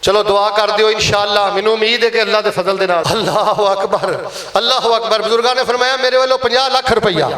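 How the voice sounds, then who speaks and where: Man, Punjabi accent, mosque preacher, urging congregation to give, high voice, reverberant hall. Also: fairly even intonation, quick pace, hardly any pauses, pushed and bright. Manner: urging, coaxing and blessing the congregation. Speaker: preacher leading a mosque fundraising appeal. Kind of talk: Friday sermon fundraising appeal.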